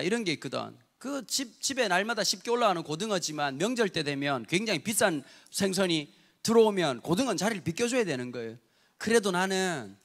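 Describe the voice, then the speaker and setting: A male pastor from Busan, in his fifties, preaches with a high voice that leaps up and down. His delivery is that of a humorous storyteller who keeps turning to the congregation, and a gravelly edge runs through his voice. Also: a bit bright. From Busan, South Korea. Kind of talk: sermon.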